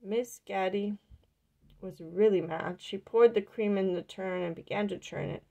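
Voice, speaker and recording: A woman reading a picture book aloud in plain, unhurried storybook narration. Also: medium pitch, warm tone.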